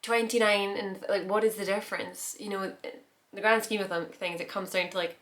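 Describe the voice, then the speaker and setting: A woman's voice: mid-range voice, fairly even intonation, brisk, fairly bright tone. A woman in her thirties chatting casually about her week while doing her makeup, rambling with restarts and little laughs. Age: 30s. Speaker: beauty vlogger. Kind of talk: casual get-ready-with-me chat.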